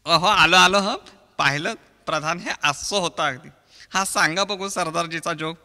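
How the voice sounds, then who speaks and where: A Marathi-accented man performs a fast comic sketch and keeps jumping from one impersonated voice to the next. His voice sits fairly high and carries a long reverb from a live stage. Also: pushed and bright. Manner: switches quickly between impressions of film actors. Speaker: mimicry artist. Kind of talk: mimicry comedy sketch with many voices.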